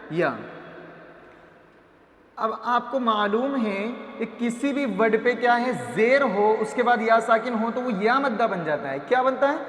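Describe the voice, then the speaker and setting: A man teaching Quran reading, patiently sounding out syllables and asking and answering his own questions, stretching long vowels slowly. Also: high-pitched, fairly bright tone, echoey room, in a large hall. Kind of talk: patient step-by-step phonics lesson.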